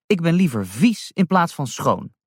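A man's voice: on the high side, sing-song, a little slow, breathy edge, no room sound, studio quality, pitched above the performer's own voice, heavily acted. A man voicing a grumpy, contrary male unicorn in a storybook reading, snappish and grumbling.

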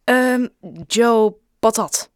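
A woman's voice: mid-range voice, animated, moderate pace, dry recording, studio quality, natural voice. A woman voicing an awkward, self-conscious schoolboy who stammers in a read-aloud story. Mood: flustered.

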